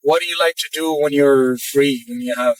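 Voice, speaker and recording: A man's voice: mid-range voice, moderate pace, recorded from a distance, a little hiss or hum, rough recording. A man interviewing a passenger, asking short questions and giving brief upbeat reactions. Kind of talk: casual street interview.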